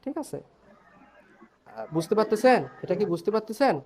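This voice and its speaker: A man's voice: high voice, lively intonation, moderate pace, crowd noise. A man teaching an online English class, explaining step by step and checking in with his students.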